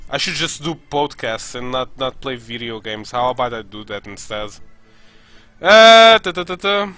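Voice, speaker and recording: A man's voice: mid-range voice, lively intonation, normal speed, bright, forceful tone, clean tone, soft background music, rough recording. A young man chatting casually on his stream like a podcast host, rambling with lots of fillers and restarts.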